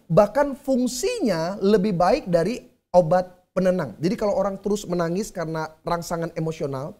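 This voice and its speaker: Mellow-voiced male pastor preaching. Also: high voice. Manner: conversational preaching, addresses the congregation directly. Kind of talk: sermon.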